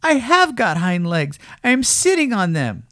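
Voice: mid-range voice, wildly swooping pitch, a little slow, a bit bright, no room sound, clean studio sound, pitched above the performer's own voice. A narrator voicing a small, proud, wistful male toy rabbit in a children's storybook, speaking in a childlike, earnest, defensive way. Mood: indignant insisting.

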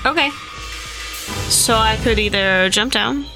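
A woman's voice: on the high side, a little slow, low-quality recording. A woman playing a tabletop role-playing game, chatting casually about her moves, with music behind her.

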